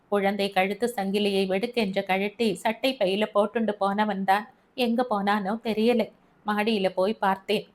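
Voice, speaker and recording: A woman's voice: mid-range voice, close to an everyday voice. A woman voicing a worried older mother who scolds and grumbles, in a storybook reading. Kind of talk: storybook narration.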